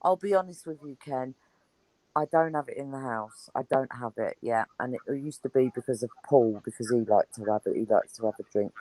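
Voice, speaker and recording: A woman's voice: a bass voice, brisk, warm tone, dry recording, rough recording. A woman chatting casually as a guest, rambling and enthusiastic. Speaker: guest on an online chat show. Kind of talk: casual chat.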